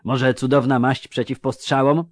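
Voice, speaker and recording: A man's voice: mid-range voice, level tone, normal speed, dry recording, clean studio sound, pitched above the performer's own voice, natural voice. A man voicing an eager, fawning peddler of amulets with a wheedling sales patter.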